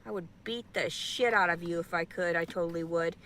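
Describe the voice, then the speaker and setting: A woman's voice: fairly low pitch, a little fast, a bit bright, slight background noise. A distressed ranting pregnant woman. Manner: tearful, ranting and repetitive. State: distressed and in pain. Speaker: vlogger. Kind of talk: emotional vlog rant.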